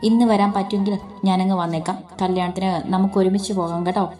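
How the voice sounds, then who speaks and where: A woman voicing a gentle, protective young husband in a spoken story, talking softly and coaxingly. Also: medium pitch, steady tone, a little fast, soft background music, natural voice.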